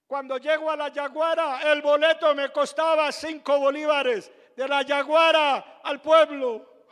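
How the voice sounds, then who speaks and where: Older Venezuelan pastor, unhurried and emphatic, preaching a testimony in a reverberant church. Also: male voice, very high-pitched. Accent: Venezuelan Spanish. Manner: dramatic, emphatic, bursts into shouts. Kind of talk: sermon testimony storytelling.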